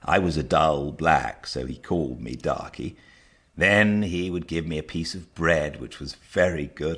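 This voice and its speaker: A man reading a storybook aloud as an audiobook narrator, measured and expressive. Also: rumbling low, breathy edge.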